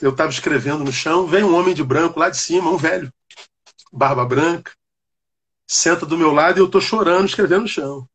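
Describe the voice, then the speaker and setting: A man, a Baptist pastor, telling a personal testimony in an animated, conversational way. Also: fairly high pitch, a little fast, husky. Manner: animated storyteller, calls the listener "cara". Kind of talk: personal testimony on a live chat.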